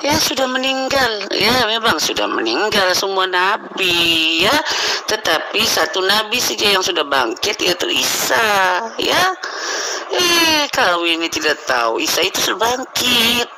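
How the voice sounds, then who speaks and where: A man with a high, thin voice argues in a heated online religious debate, taunting and mocking his opponent as he talks. His voice comes over a noisy call line with steady hiss behind it. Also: measured pace. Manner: mocking, insulting, laughs at opponent.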